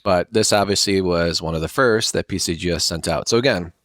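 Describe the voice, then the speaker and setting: A man's voice: sits low, a little fast, fairly bright tone, dry recording, clean studio sound. A man talking casually to camera as he unboxes his mail, rambling and thinking aloud with lots of fillers. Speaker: coin collecting vlogger.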